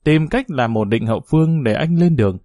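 A man's voice: mid-range voice, brisk, no room sound, clean studio sound. A man narrating a novel as an audiobook, telling it expressively. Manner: expressive storytelling.

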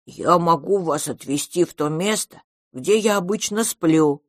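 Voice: mid-range voice, measured pace, no echo, studio quality, lightly acted. A reader voicing a huge, clingy monster child who talks in a tearful, pleading, childlike way in an audiobook. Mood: sleepy. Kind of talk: audiobook character reading.

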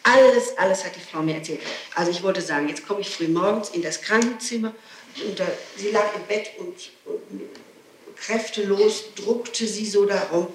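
A woman suspect, questioned on a low-quality 1960s tape, speaks at a moderate pace and medium pitch, insistently explaining and frequently repeating herself. Her spontaneous testimony echoes in the room, with a little hiss or hum underneath.

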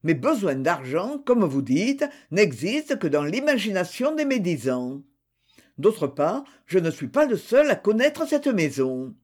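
A man's voice: high-pitched, very animated, a little slow, a little mellow, full character voice. A man voicing an accused man who protests his innocence, vehement and indignant.

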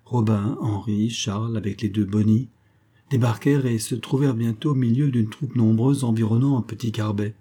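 A man narrates an audiobook in a steady, even storytelling voice. His voice is low and very dark, with a husky, slightly breathy grain. The reading is measured and scripted. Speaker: audiobook reader.

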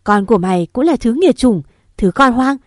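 A woman voicing a furious, domineering older mother-in-law who shouts harsh insults, in a storybook reading. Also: medium pitch, moderate pace, no echo, clean studio sound, natural voice.

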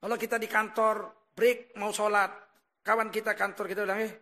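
A male preacher giving a sermon, telling stories animatedly and swinging from quiet asides to emphatic bursts. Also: sits high, flat delivery, normal speed. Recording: long hall reverb.

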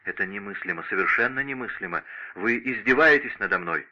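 A man's voice: fairly low pitch, lively intonation, fairly quick, bright, forceful tone, lo-fi sound, heavily acted. A man voicing a lovesick young French noblewoman who pleads with passion in an audiobook. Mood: protesting. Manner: impassioned, imploring. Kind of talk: audiobook character reading.

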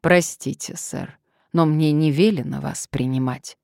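A woman's voice: low-pitched, unhurried, gravelly, darkish tone, no room sound, clean studio sound. Woman voicing a stiffly polite male butler. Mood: coolly firm. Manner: formal, unbending courtesy. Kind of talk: audiobook character reading.

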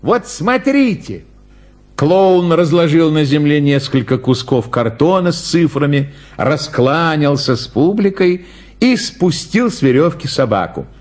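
A man narrating a story with lively, expressive storytelling. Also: fairly high pitch, a little slow. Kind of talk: storybook reading.

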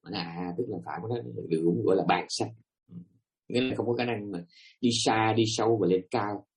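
A man delivers a Buddhist dharma talk to a live audience, speaking emphatically and posing rhetorical questions to his listeners. His voice is on the low side and his pace is brisk.

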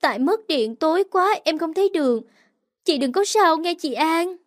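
A woman voicing a frightened young woman who keeps apologizing in a high, pleading voice, in a read-aloud story. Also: expressive, moderate pace, dry recording, studio quality. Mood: anxious.

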